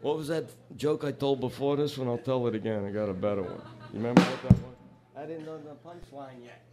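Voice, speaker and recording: A man works through a live comedy set of groan-worthy bar jokes. Between punchlines he rambles and wisecracks to the room. His voice sits at an ordinary middle pitch for a man. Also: fast, loud music behind the voice. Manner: rambling, wisecracking stage patter. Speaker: comedy duo performer.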